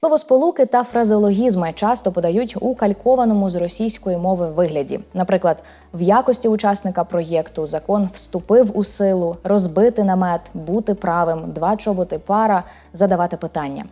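A woman hosting a language program, reading a scripted narration with clear, deliberate delivery of word examples. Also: mid-range voice, dark tone. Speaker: program host.

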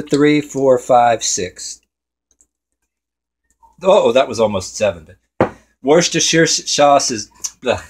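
A man hosting a home cooking show in his kitchen, rambling and swearing casually to himself as he works. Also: medium pitch.

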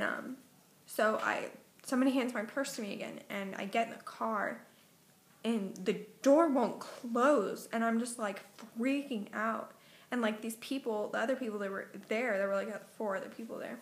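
A woman's voice: on the high side, echoey room. A young woman vlogger, just woken up, telling a long dream in a casual, meandering way full of fillers and self-corrections. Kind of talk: casual rambling story.

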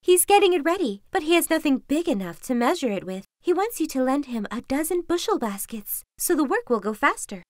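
A woman's voice: high voice, very animated, a little fast, few pauses, a little mellow, dry recording, clean studio sound, pitched above the performer's own voice. A woman doing a bossy scheming fox. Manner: urgent, commanding, theatrical wailing. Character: clever scheming female fox, bossy and dramatic.

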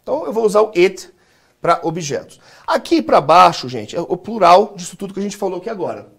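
A man's voice: high-pitched, very animated, a little fast, creaky, breathy edge. A Brazilian man teaching English in a live class, leading call-and-repeat drills and joking with his students. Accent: Brazilian Portuguese.

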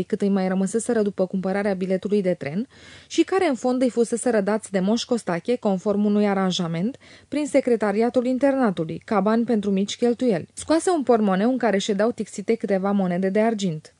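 A woman narrating a classic novel as an audiobook in a measured, even way. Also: medium pitch, dry recording.

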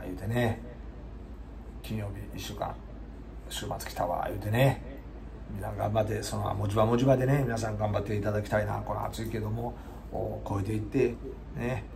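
A man with a Kansai accent chatting casually to his viewers between songs, his voice hoarse and giving out, rambling and polite. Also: lowish voice, very noisy. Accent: Kansai Japanese. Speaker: singer-guitarist streamer.

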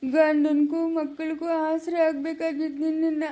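A remorseful, grieving village mother, played by a woman in a family drama, speaking. Her voice sits high but barely rises or falls. The tone is mellow and warm. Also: little pitch movement, lightly acted. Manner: tearful, pleading, slow when grieving. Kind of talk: family short drama acting.

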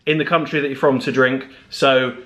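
Indoors in his apartment living room, a young English vlogger chats casually to a handheld camera in a teasing, jokey way. His voice sits at medium pitch with fairly even intonation, a fairly bright tone and normal speed.

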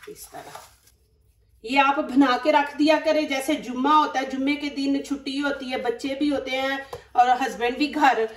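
In her home kitchen, a woman with a Pakistani Urdu accent hosts a cooking demonstration for her channel, talking chattily and instructively and frequently using religious phrases. Her fairly high voice is picked up by a distant mic in a roomy space.

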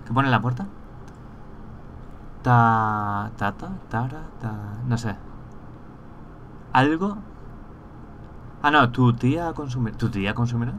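A man giving casual let's-play commentary, thinking aloud and breaking into excited rants. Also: mid-range voice, slow pace, long pauses, slight background noise. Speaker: gameplay streamer.

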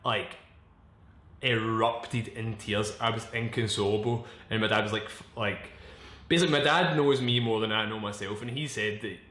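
A man's voice: fairly low pitch, fairly even intonation, a bit bright. Frank young man in an echoey room. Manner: halting, searching for words, frequent restarts; frank and swearing. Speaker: vlogger. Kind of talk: candid personal vlog monologue.

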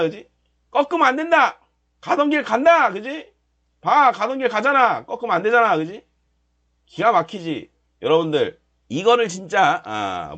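A man running a live futures trading stream, explaining charts and then shouting and cheering as the price moves. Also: high voice. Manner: explaining in casual lecture tone. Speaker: trading instructor.

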